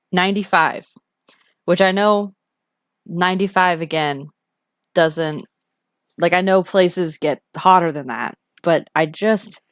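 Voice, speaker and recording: Woman, Canadian accent, low register, slow-paced, casual streamer chat, expressive, self-interrupting. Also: no room sound, studio quality. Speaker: live streamer.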